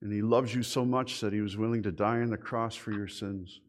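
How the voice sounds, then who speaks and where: Animated middle-aged pastor preaching. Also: male voice, on the low side, a little fast. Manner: animated storytelling with rhetorical questions. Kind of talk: sermon.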